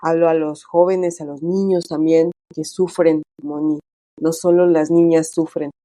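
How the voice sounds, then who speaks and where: A middle-aged woman talks casually as an interview guest, full of fillers and acted-out quotes. Her voice is mellow and warm, recorded dry and close with no room sound. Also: low-pitched, flat delivery, unhurried, no room sound. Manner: chatty, many fillers, acts out quoted dialogue.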